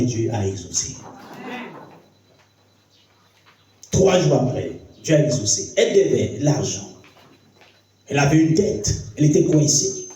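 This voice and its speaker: A man preaching as a pastor, telling a story in a sermon, his voice dropping low and hushed, then climbing high and excited. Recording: roomy hall, voice from far off the mic.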